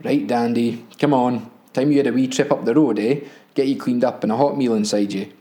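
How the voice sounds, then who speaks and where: A man reading as a brisk young beat constable. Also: mid-range voice, fairly even intonation, warm tone, lightly acted. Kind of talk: audiobook reading.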